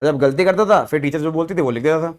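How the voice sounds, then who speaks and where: High-voiced male economics teacher. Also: quick pace. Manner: explains with rhetorical questions to students; mixes English terms into Hindi. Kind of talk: classroom lecture.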